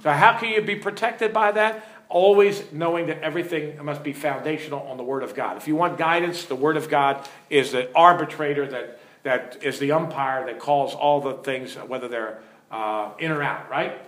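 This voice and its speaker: This middle-aged pastor's slightly high voice rings through an echoey room at a normal pace, a bit bright. He teaches earnestly from the pulpit, telling stories and asking the audience questions.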